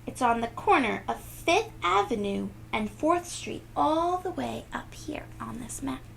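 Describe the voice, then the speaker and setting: A woman with a high, gravelly voice reads a storybook to children, hosting the read-aloud with animated, emphatic delivery. She stretches out words, gasps, adds sound effects and chats with her listeners, and there's slight background noise.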